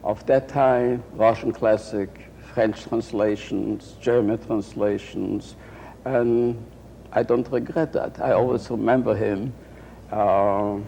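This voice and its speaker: An older man from Poland, whose first language is Yiddish, is interviewed for an oral-history recording, reminiscing slowly and haltingly with frequent pauses and restarts. His fairly low voice is creaky and warm with fairly even intonation. The roomy archival tape carries faint hiss.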